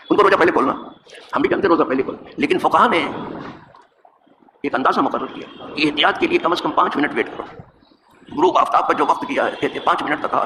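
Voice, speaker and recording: Man, imam, religious lesson, higher voice, rhetorical, echoey mosque hall, background noise. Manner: animated, rhetorical questions, recites verse. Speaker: mosque imam teaching hadith.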